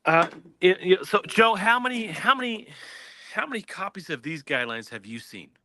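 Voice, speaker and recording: Man, host, casual discussion, hiccups, bright forceful tone. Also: high-pitched, very animated, a little fast.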